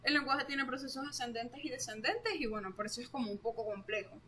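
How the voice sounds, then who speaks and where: A woman's voice: on the high side, expressive, a little fast, pushed and bright, slight background noise. A young woman explains course material in a casual, chatty way, full of fillers.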